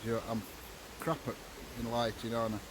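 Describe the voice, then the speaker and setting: British male livestream host, medium pitch, chummy casual chat, outdoors with clear background noise. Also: level tone, a little fast. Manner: chummy, informal, repeating greetings. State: tired from walking. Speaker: livestream host of night-time ghost hunt. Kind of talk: casual live-stream chat, greeting viewers. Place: outdoors walking in woods at night. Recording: noisy outdoor night ambience.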